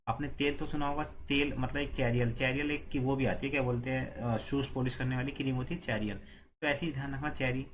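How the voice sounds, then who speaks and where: A man's voice: mid-range voice, a little hiss or hum. A man giving an exam-prep lesson, explaining with repetitive, playful memory tricks. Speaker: teacher.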